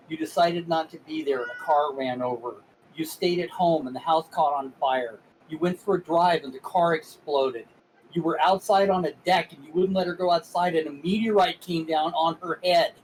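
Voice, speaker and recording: A man's voice: a little high, moderate pace, darkish tone, a little hiss or hum, poor audio. A man on a casual podcast stream, recalling a film scene after a few hesitant starts. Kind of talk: casual group chat on a stream.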